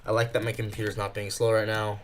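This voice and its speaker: A nervous young man giving fast live commentary while trading, thinking out loud and rushing his words. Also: on the low side, little pitch movement, a little hiss or hum. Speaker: day trader streaming live.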